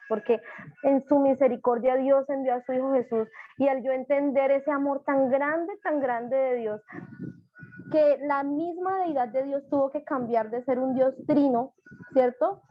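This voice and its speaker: High-voiced woman giving fervent testimony. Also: no room sound. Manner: fervent, emotional, repeats phrases for emphasis. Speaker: church tutor giving testimony. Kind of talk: personal testimony sermon. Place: living room at home. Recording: dull, dry home recording.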